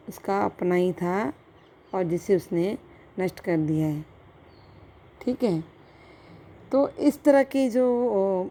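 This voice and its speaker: Mellow-voiced woman giving a college lecture. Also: lowish voice. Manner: explains step by step with examples, checks with "theek hai". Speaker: philosophy lecturer.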